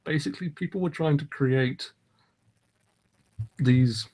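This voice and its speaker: A man's voice: on the high side, slow pace, darkish tone. A man hosting a casual podcast, rambling and hesitant with frequent ums and restarts. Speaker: podcast host. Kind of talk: casual chat.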